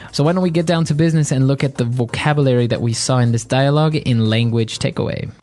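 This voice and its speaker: A man's voice: medium pitch, fast talker, darkish tone. A man co-hosting an English lesson podcast, explaining words in an upbeat way, faint music behind. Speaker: podcast co-host.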